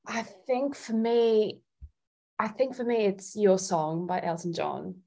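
An Italian singer-songwriter, appearing as an interview guest, chats casually and a bit gigglingly while feeling her way through her phrases. Her voice is medium in pitch, expressive, slow, gravelly, and dark in tone.

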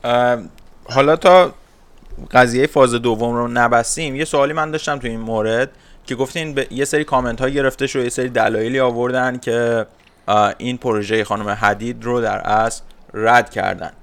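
A man's voice: mid-range voice, steady tone, fairly bright tone. A man interviewing an architect, polite and hesitant, with many filler sounds between his words. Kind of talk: interview questions.

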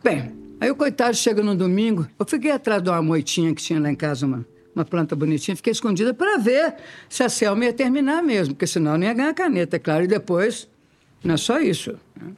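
Idosa mineira contando histórias. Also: female voice, medium pitch, fast. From Ubá, Minas Gerais, Brazil. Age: 80s. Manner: lively, laughing, acts out quoted voices. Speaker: interviewed singer, twin sister. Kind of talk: casual storytelling.

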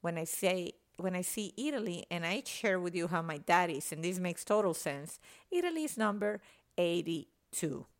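A woman talks in a podcast monologue, her voice sitting a little low. She speaks with passion and emphasis, leaning hard on her points. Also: lively intonation, normal speed. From Venezuela. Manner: passionate, emphatic, citing statistics. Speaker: podcast guest.

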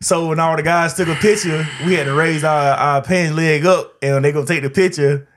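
Male podcast host, fairly high voice, loose slangy storytelling with plenty of cursing. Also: fairly even intonation, a little fast, fairly bright tone, slight background noise. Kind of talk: casual chat, telling anecdotes.

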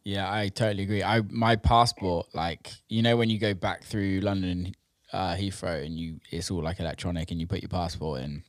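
A man hosting a podcast in relaxed casual chat, swearing casually and trading quick agreements. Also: deep voice, no room sound, clean studio sound. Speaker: podcast host.

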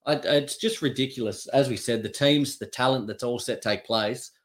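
Excitable Australian man co-hosting. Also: medium pitch, moderate pace. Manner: excitable, chatty. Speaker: podcast co-host. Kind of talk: casual sports chat.

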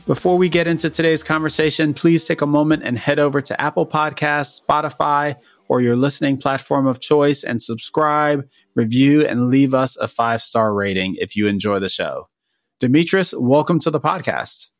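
Podcast host with a dry close sound. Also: male voice, a little high, moderate pace, dry recording. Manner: relaxed, conversational questioning. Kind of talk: interview podcast.

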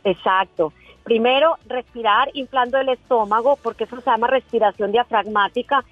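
A woman guest expert giving clear, precise advice on calming anger in a podcast conversation. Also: a little high, normal speed, no room sound, faint music behind. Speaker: guest expert in emotional control. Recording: tinny phone-line sound.

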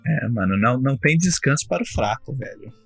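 Husky Brazilian podcast host. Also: male voice, mid-range voice, lively intonation, fairly quick, no room sound, faint music behind. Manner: laid-back, slangy, wraps up and thanks guests. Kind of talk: casual chat.

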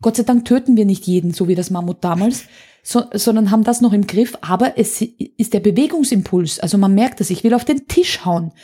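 A woman's voice: medium pitch, a little fast, dark tone, breathy edge. A woman, an anger coach talking in an interview, explaining emphatically with vivid examples. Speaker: anger coach, podcast guest. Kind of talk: conversational interview.

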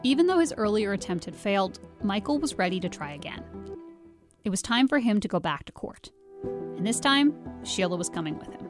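Woman, radio reporter, scripted narration, mid pitch, faint music underneath. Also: very animated, fairly quick.

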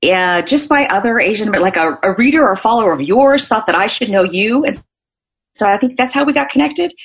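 A woman's voice: medium pitch, lively intonation, a little fast. A middle-aged woman from Northern California, a podcast guest chatting casually and telling stories with lots of fillers. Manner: chatty storytelling with frequent fillers. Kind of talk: casual interview conversation. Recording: dull lo-fi audio.

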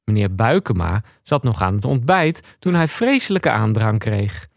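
A man reading a comic story he wrote himself, in a deliberate storybook narration. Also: on the low side, big pitch swings, creaky, no room sound, studio quality. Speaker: comedian reading his own story.

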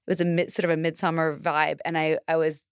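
A woman's voice: deep voice, level tone, fast talker, clear, resonant tone, no room sound, studio quality. A woman in her thirties co-hosting a podcast in casual chat, laughing often and digressing. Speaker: podcast co-host.

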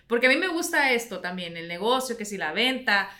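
Bright-voiced encouraging woman interviewer. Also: medium pitch, sing-song, fairly quick. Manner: warm, encouraging, supportive. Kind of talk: casual interview chat.

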